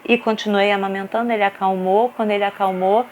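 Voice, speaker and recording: A woman's voice: mid-range voice, fast, a little hiss or hum. A woman in her thirties with a Brazilian Portuguese accent, a mother earnestly telling her own story to the camera, restarting often. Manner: earnest, animated, many restarts and repeated fillers. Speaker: vlogger mother sharing her experience.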